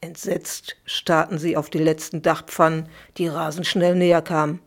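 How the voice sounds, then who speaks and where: A middle-aged woman, a children's author, reading her own bedtime story aloud for a podcast in a lively, expressive way. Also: low voice, normal speed.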